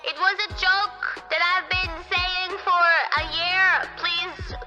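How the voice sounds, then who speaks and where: A playful, animated woman streamer from Austria, speaking over background music. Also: extremely high pitch, slow. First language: German. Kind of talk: compilation of stream clips.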